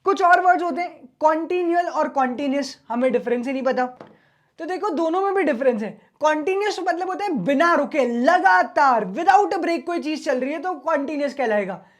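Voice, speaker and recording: A man's voice: very high-pitched, lively intonation, fairly quick. A man teaching an online exam-prep lecture in a casual, chatty way, mixing Hindi and English.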